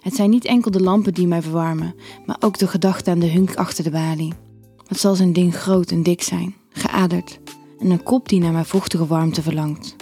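A woman reading a first-person story aloud in an intimate, unhurried way. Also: on the low side, steady tone, mellow, slightly rough, soft background music. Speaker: narrator. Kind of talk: scripted story narration.

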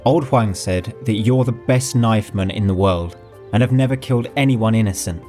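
A man voicing a bold, cheeky young male noble heir in an audiobook, brash and quick. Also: fairly low pitch, dark tone, soft background music, close to an everyday voice. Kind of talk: audiobook character voice.

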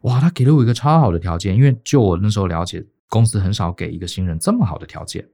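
Animated, low-voiced Taiwanese man. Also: gravelly. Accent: Taiwanese Mandarin. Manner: lively, often pausing on "好" and "呃". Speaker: podcast co-host. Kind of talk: casual career storytelling.

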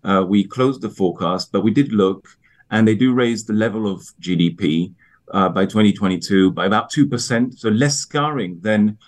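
A man answering broadcast interview questions on economics as an expert guest, in a halting, hesitant manner with repeated words. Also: on the low side. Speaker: economist guest, IMF research division head.

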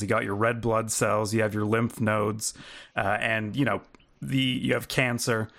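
A man's voice: lowish voice, fairly bright tone. A man co-hosting a gaming podcast, talking loosely and hesitantly, with many filler sounds. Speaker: podcast co-host. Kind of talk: casual chat.

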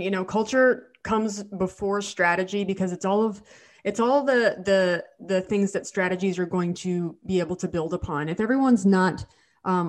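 A woman hosting a casual podcast with a nasal, congested voice from a cold, repeating words as she goes. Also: medium pitch. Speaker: podcast host.

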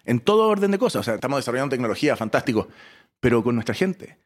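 A man from Chile, a startup founder in his forties, telling stories as an interview guest with an expressive delivery that swings between loud bursts and soft asides. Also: mid-range voice, very fast. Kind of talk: animated storytelling interview.

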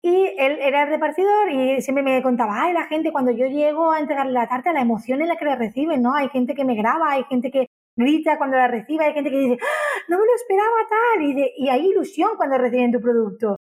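Bubbly high-voiced woman. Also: a little fast, a little mellow. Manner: enthusiastic, repeats words, acts out customers' voices. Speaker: business owner. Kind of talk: interview.

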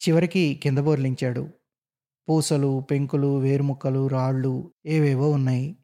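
Mellow-voiced male storyteller. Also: mid-range voice, normal speed. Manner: expressive, dramatic. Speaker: narrator. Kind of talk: storytelling narration.

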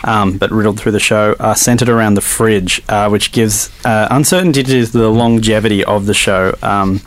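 A man co-hosting a radio show with casual, halting commentary. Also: fairly low pitch, steady tone, no room sound. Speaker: radio co-host.

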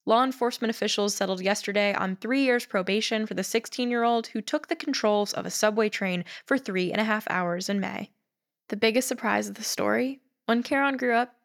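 A woman's voice: medium pitch, brisk, creaky. A young adult woman from New York narrating a scripted explainer with wry asides.

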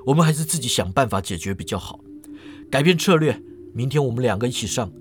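A man voicing a cautious young man who speaks low and measured. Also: lively intonation, faint music behind, natural voice. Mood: serious.

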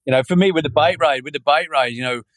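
A man's voice: fairly high pitch, fast talker, no echo, low-quality recording. Chatty British man in his forties. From United Kingdom. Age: 40s. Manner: rambling, many restarts, frequent "yeah" and "you know". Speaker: podcast guest. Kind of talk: casual interview chat.

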